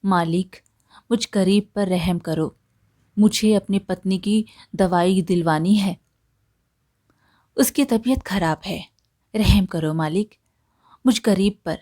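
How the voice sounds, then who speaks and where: A woman's voice: medium pitch, takes it slowly, long pauses, a little mellow. A woman voicing a poor, humble male farm laborer who begs his master for help in a storybook tale. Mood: pleading. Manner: pleading, humble.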